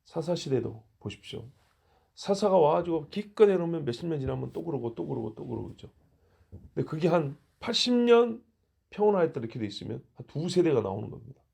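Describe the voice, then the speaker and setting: A man's voice: a little high, sing-song, a little fast, gravelly, darkish tone, slightly rough. A male pastor giving an early-morning sermon in a conversational way, asking the congregation rhetorical questions. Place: church.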